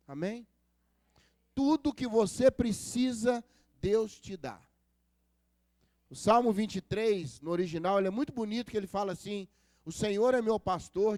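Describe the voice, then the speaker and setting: A man's voice: high voice, darkish tone, no echo, clean studio sound. A male pastor preaching a sermon at a church service, telling stories and acting out the dialogue, and asking the congregation for responses. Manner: storytelling preacher who acts out dialogue.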